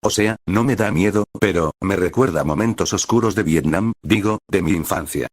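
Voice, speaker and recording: Guy reading as a super serious young hero, deep and flat. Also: normal speed, slightly rough, no echo, clean studio sound. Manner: deadpan, serious. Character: stoic young male hero, dead serious.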